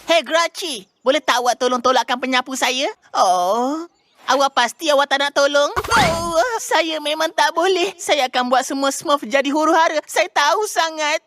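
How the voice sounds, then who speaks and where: A woman's voice: high voice, animated, normal speed, a bit bright. A woman voicing a mischievous cartoon witch who schemes and wheedles. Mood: wheedling, scheming. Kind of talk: animated cartoon dub.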